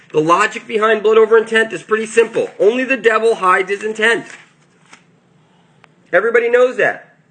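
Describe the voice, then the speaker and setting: A man with a somewhat high voice rants through a preachy monologue. He harangues his listeners and keeps calling out to them. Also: sharp tone. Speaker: online video host. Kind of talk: conspiracy monologue.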